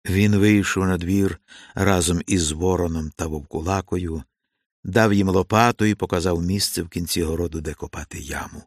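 Deep-voiced male audiobook narrator. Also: fairly even intonation, no room sound. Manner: measured, unhurried storytelling. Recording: dry voice over faint music.

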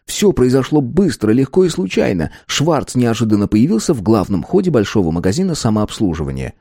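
A man narrating an audiobook in an expressive, lively reading. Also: medium pitch, fairly quick, vocal fry, breathy edge, no echo, clean studio sound. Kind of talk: scripted narration.

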